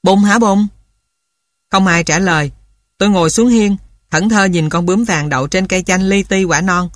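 A woman narrating a childhood story for an audiobook in a calm, even reading voice. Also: fairly low pitch, fairly quick, no echo, clean studio sound.

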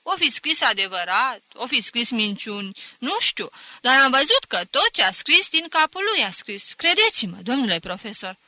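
A woman's voice: fairly high pitch, sing-song, sharp tone, no room sound, heavily acted. A woman doing an earnest pleading schoolboy. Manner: pleading, insistent.

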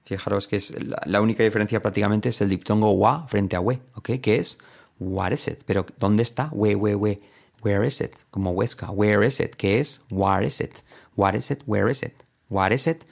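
A man's voice: lowish voice, normal speed, creaky. A man from Spain with a Spanish accent, teaching English in a recorded lesson and drilling example phrases over and over. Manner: lively, repeats example phrases, sings snippets.

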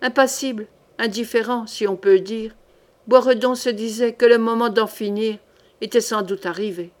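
A woman reading a historical novel aloud, with measured, dramatic narration. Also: fairly high pitch, fairly even intonation. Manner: measured dramatic narration, voices the characters lightly. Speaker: audiobook reader.

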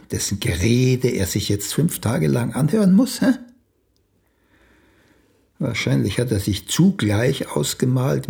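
An older male actor plays a proud, celebrated old playwright in a radio play, sounding blunt, sardonic and dismissive. His voice is mid-range, gravelly and darkish in tone.

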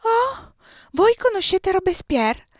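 A woman reading aloud and putting on an earnest young girl in a storybook, her voice climbing high and breathless as she pleads. The sound is close and dry, with no room around it. She talks in a rush of feeling. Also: moderate pace, dry recording, close to an everyday voice. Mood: overwhelmed. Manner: breathless, pleading, higher and louder voice.

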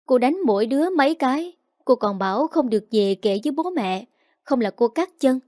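A woman's voice: high-pitched, animated, fairly quick, warm tone, dry recording, studio quality, voice pushed up. A woman voicing an earnest small child. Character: frightened young child telling the truth.

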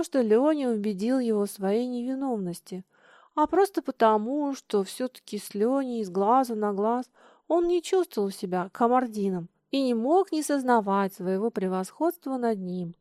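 Brief: woman narrator, animated storybook reading, bright tone, dry mic. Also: a little high, no echo.

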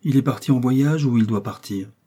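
A man's voice: mid-range voice, moderate pace, dark tone, breathy edge, lightly acted. A man reading aloud, voicing an anxious, devoted husband who is a country doctor, speaking in raised, urgent tones. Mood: chatty.

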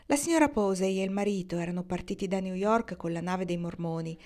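A woman narrating a novel aloud in a steady, expressive storytelling manner. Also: on the low side, brisk. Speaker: audiobook reader.

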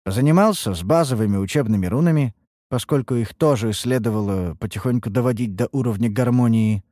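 A man reading a first-person fantasy audiobook in an expressive, wry manner. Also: mid-range voice, brisk, no room sound, studio quality. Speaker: audiobook narrator.

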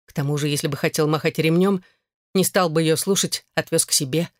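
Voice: medium pitch, fairly even intonation, fairly quick, no room sound, studio quality. An audiobook narrator reading a novel aloud in scripted narration.

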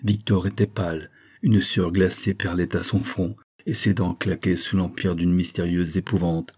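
A man narrates a nineteenth-century style novel as an audiobook. His voice is low and dark, with a husky edge. He tells the story in a steady, measured way. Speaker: audiobook reader.

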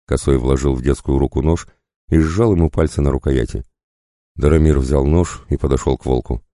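A man reading a story aloud in a measured, even manner. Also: very deep voice, no room sound, studio quality. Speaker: audiobook narrator. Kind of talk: scripted narration.

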